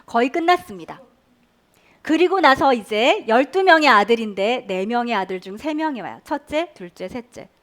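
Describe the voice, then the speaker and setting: In a church Sunday school room, a woman gives an animated sermon to children, quizzing them and leading call-and-response phrases. Her voice is fairly high, at a normal speed.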